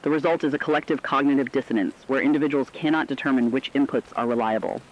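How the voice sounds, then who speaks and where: A man plays a grave crisis correspondent in a radio drama, talking fast in a natural, mid-range voice. His formal scripted analysis sounds serious and alarmed, and the recording is dull and lo-fi.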